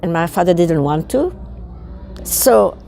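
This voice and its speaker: Faint music plays behind a guest in her 80s, a French-speaking Belgian woman sharing childhood memories in English with a Belgian French accent. Her gravelly, low, dark voice has lively intonation, and she takes it slowly, hunting for words and repeating herself.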